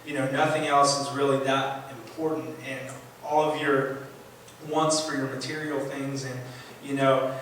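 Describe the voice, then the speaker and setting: A man's voice: medium pitch, flat delivery, measured pace, a bit bright, a little hiss or hum. A man giving a rambling personal testimony in a church, with many fillers and restarts. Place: church sanctuary. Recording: echoey church from a distant mic.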